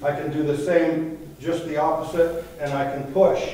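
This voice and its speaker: A man's voice: a little high, level tone, moderate pace, mellow, slight background noise. A man in his sixties, a fitness trainer earnestly explaining a workout step by step, recorded in an indoor gym. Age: 60s. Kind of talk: instructional demonstration. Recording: very echoey gym from far off.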